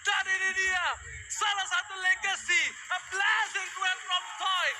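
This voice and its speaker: A man with an Indonesian accent commentating excitedly like a fighting game announcer, shouting dramatic, drawn-out calls. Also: very high-pitched, background noise. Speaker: esports shoutcaster. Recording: loud music, long hall reverb.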